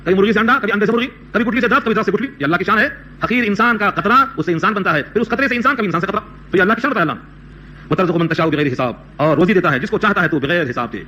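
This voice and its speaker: A man preaching a Quran commentary sermon, slowly reciting Arabic verses and then explaining them plainly, repeating phrases for emphasis. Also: sits high, sharp tone, a little hiss or hum.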